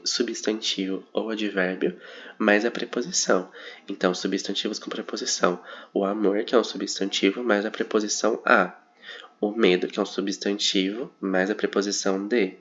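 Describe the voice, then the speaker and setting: A young male student walks through a grammar concept map in a low, fairly monotone voice. He talks informally and hesitantly, with plenty of filler words and self-corrections. The recording sounds dull and lo-fi. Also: moderate pace. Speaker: psychology student presenting coursework.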